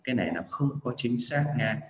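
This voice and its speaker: A man from Vietnam giving a chatty livestream pronunciation lesson, repeating words slowly to demonstrate the sounds. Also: mid-range voice, lively intonation, reverberant, low-quality recording. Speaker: English pronunciation teacher.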